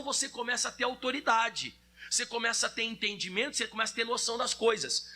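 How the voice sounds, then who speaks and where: A male pastor from Brazil preaching a lively sermon, acting out scenes of children and adults. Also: extremely high pitch. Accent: Brazilian Portuguese.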